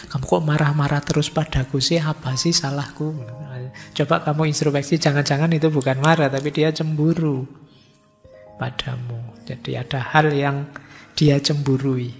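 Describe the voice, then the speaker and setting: A man's voice: medium pitch, creaky. A middle-aged man giving a conversational philosophy lecture in a mosque hall, acting out the voices of students he quotes.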